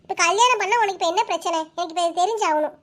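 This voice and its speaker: Woman voicing a bossy village neighbor. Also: very high-pitched. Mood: scolding. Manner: fast, sharp scolding. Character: brisk young village neighbor woman, bossy but caring. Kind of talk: cartoon voice-over.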